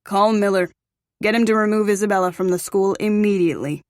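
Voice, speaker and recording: A woman's voice: medium pitch, a little fast, darkish tone, no room sound, clean studio sound, lightly acted. A woman voicing a wealthy, doting father who speaks urgently and gives orders. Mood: commanding.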